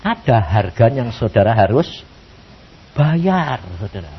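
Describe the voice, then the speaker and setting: A man preaching a sermon, telling stories lively and acting out his talks with God. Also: mid-range voice, slow pace, slightly rough. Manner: lively storytelling, acting out dialogues with God, mixing in Javanese. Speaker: pastor. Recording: dull lo-fi sermon recording.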